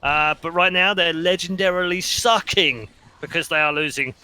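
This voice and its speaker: Bright-voiced excitable man commentating. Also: a little high, moderate pace, smooth. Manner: excitable, jokey, shouts at big plays. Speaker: game commentator. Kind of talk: esports commentary.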